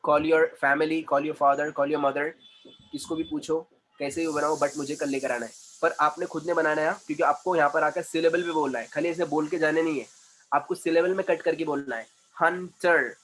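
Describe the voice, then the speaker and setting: A man's voice: on the high side, a little hiss or hum, rough recording. A man with an Indian English accent, teaching an online English class. He switches between Hindi and English and drills his students on syllables in a playfully stern way. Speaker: English communication trainer. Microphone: video call.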